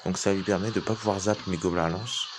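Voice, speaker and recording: Low-voiced man commentating a game. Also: steady tone, quick pace, background noise. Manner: informal, thinking aloud. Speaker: gaming video host. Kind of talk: casual live game commentary.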